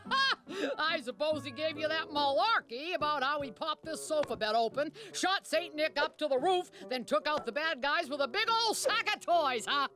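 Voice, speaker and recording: A woman's voice: high voice, expressive, moderate pace, few pauses. A woman voicing a bossy, boastful cartoon landlady with a theatrical, scornful way of talking. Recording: music behind the voice.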